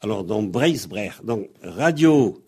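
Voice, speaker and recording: A man on the radio patiently explaining pronunciation like a teacher, spelling out letters and pausing on fillers. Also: mid-range voice, animated, a little mellow, breathy edge. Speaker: guest explaining Breton pronunciation.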